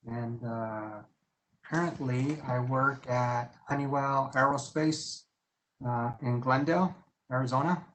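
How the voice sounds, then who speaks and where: Slow, halting middle-aged man. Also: medium pitch, fairly bright tone, slight background noise, poor audio. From El Paso, Texas, USA. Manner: halting, frequent "uh". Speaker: engineer panelist. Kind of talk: casual self-introduction. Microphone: video call.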